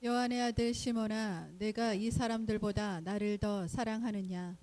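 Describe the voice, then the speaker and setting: A woman reads scripture passages aloud in a warm, mellow voice. Her delivery is even and measured, at a middle pitch. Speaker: scripture reader.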